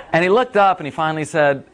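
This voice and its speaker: A middle-aged man telling a casual story at a talk, rambling with many fillers and getting animated when he quotes others. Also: a little high, a little fast. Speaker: speaker at a talk.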